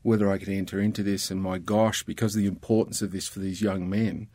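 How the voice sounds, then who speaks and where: A man's voice: low voice, flat delivery, fast, darkish tone, no room sound. A middle-aged Australian man with an Australian accent, talking earnestly and reflectively as a podcast guest. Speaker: guest, ministry worker. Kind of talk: casual conversation.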